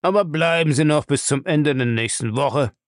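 A man reading aloud and voicing a gruff, menacing old castle owner who grumbles slowly. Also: on the high side, no echo, studio quality, voice pushed up, close to an everyday voice.

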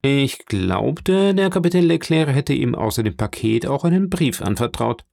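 A man's voice: mid-range voice, sing-song, normal speed, vocal fry, a little mellow, no echo, studio quality, pitched above the performer's own voice. A man reading the part of a scheming, envious ship's clerk in an audiobook, sly and insinuating.

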